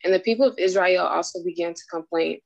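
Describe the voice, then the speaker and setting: Low-voiced woman reading scripture, dry close sound, steady delivery. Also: fast talker, vocal fry, no echo, lo-fi sound. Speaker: scripture reader in a study group.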